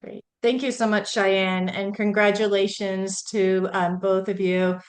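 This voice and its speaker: A woman hosting an online award ceremony, moderating in a relaxed way with frequent fillers. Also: medium pitch, measured pace. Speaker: ceremony host.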